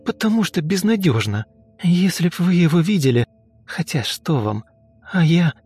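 A man's voice: big pitch swings, moderate pace, a little mellow, breathy edge, faint music behind. Man putting on a sulky young woman. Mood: bitter. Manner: snappish, slangy, rising to shrill sobbing. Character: sulky young woman, rude then tearful.

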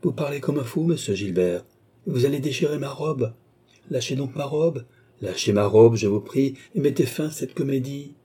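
Young noblewoman, quick questions, gently firm, played by a man in a lifted, husky register. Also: on the low side, expressive. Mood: reproachful. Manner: quick questions, softly reproachful. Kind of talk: audiobook character voice.

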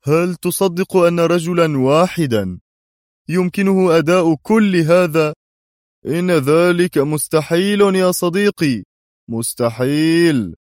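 A man's voice: medium pitch, lively intonation, moderate pace, a little mellow, no room sound, clean studio sound, voice pushed up, lightly acted. A man voicing a sceptical male policeman who talks down as if to a child. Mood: mocking. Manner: condescending, as if to a child.

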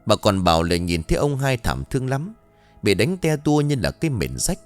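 A man narrating a ghost story in an expressive, dramatic scripted reading. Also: mid-range voice, normal speed, faint music behind.

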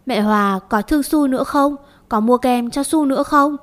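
A woman voicing a timid, sweet four-year-old girl who mumbles softly. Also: sits high, normal speed, voice pushed up, lightly acted. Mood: timid childish. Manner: soft, mumbling childish talk.

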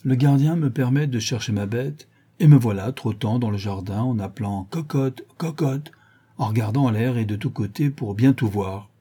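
A man reading the part of a cunning old one-eyed woman thief, reporting in brisk detail in an audiobook. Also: medium pitch, mellow, breathy edge, close to an everyday voice.

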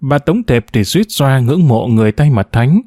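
A man narrating a novel in a steady storytelling manner. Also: medium pitch, normal speed, no room sound, studio quality. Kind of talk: audiobook novel reading.

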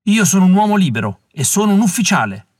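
A man reading aloud voices an indignant imprisoned colonel who shouts his protests. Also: sits high, very animated, a little fast, husky, no echo, voice pushed up, exaggerated voice. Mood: defiant.

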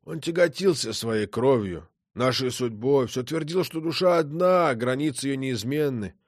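A man voicing a gloomy middle-aged nobleman, speaking gravely and sorrowfully. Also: medium pitch, expressive, moderate pace, no echo, studio quality, close to an everyday voice.

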